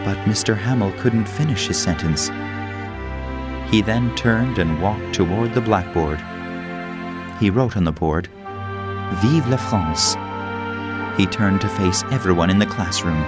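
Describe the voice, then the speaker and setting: A man reading a story aloud as narrator, in a measured, plain storytelling manner. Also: on the low side. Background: music.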